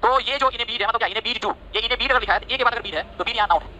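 A man teaching English vocabulary in a live class, talking quickly and checking over and over that the students follow. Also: very high-pitched, sharp tone, a little hiss or hum, low-quality recording. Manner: rapid, repetitive checks like "ठीक है?" and "समझे?"; scolds and teases students by name. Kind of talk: online class lecture in Hindi and English.

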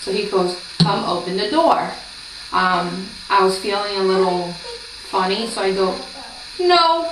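Her mid-range voice moves at a measured pace as the Brazilian-born vlogger, late twenties, talks casually and rambles with frequent ums. Recorded by a camera across a small home room by a door, the sound is distant and roomy, with a noisy background.

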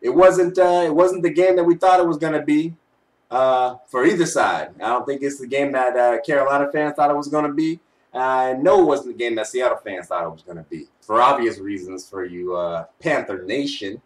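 A man's voice: medium pitch, moderate pace. A young man giving casual, teasing postgame commentary in slangy speech, recorded on a webcam in a bedroom. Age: young adult. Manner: slangy, teasing trash talk. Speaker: sports fan vlogger. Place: small bedroom, indoors. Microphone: webcam at arm's length. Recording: home webcam, slightly distant mic.

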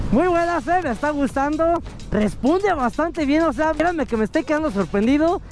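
A man with a Mexican accent, chatting excitedly to his viewers while riding a motorcycle outdoors and racing a friend. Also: very high-pitched, normal speed. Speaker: motovlogger. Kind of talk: casual ride commentary. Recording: loud music over road and engine noise.

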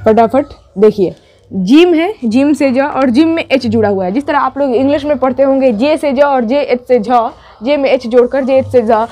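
A woman with a high voice gives a beginner writing lesson. She goes patiently and repeats each step. She keeps asking her students questions as she works through it. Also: normal speed, mellow. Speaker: Urdu teacher.

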